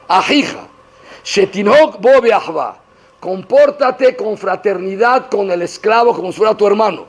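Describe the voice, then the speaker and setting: A man's voice: sits high, vocal fry, husky. A man, a rabbi, giving a Torah lecture in Spanish, sprinkling in Hebrew terms and acting out little dialogues for his students. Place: classroom talk to female students.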